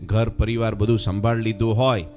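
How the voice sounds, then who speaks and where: A man's voice: fairly low pitch, little pitch movement, fairly quick, a little mellow. Man preaching a sacred story. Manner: storytelling with rhetorical questions to listeners. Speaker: swami preacher. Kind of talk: devotional story sermon.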